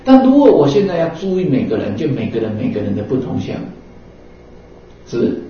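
A man's voice: medium pitch, huge pitch swings, brisk, a little hiss or hum. A man giving a Buddhist sermon in a conversational way, full of fillers and acted-out exchanges. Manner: conversational, acts out little dialogues, many fillers like 啊 and 哦. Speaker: Buddhist dharma teacher. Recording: roomy echo from a distant, dull mic.

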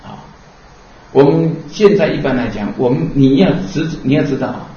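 A Buddhist teacher gives a Dharma lecture, explaining earnestly and posing rhetorical questions as he goes. His voice is fairly high and dark in tone, at a normal pace. The recording sounds distant, dull and roomy, like a lecture hall.

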